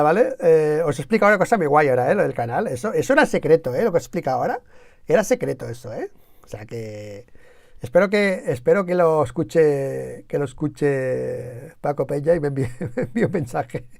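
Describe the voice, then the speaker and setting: A Spaniard talks loosely on his channel's live stream, rambling story to story and full of slang. His voice is gravelly, with some fry at mid pitch, and the sound is dry and close. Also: no echo. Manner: rambling, slangy, tells anecdotes with quoted shouting. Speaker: YouTube channel co-host. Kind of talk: casual live-stream chat.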